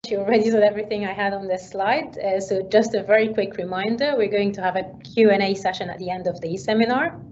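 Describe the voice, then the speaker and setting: A woman in her thirties from Egypt giving an online academic seminar, relaxed and full of fillers. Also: medium pitch, fast talker, few pauses. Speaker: guest lecturer. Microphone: video call. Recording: slightly dull online call audio with faint noise.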